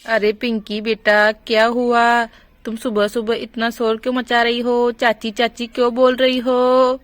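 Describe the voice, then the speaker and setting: A woman's voice: a little high, level tone, a little slow, clear, resonant tone, dry recording, natural voice. A woman voicing a fretful village mother who fusses and scolds, in a doll story role-play. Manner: fussing, scolding.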